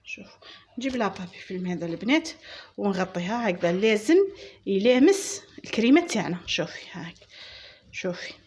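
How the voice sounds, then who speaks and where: A woman's voice: medium pitch, expressive, fairly quick, long pauses, a little mellow, slight background noise. A woman with an Algerian Arabic accent hosting a home baking tutorial, chatting and guiding viewers step by step as if talking to friends. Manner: chatty and instructive, addressing viewers as "girls". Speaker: home baking channel host. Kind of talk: casual cooking tutorial. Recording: music playing clearly behind her.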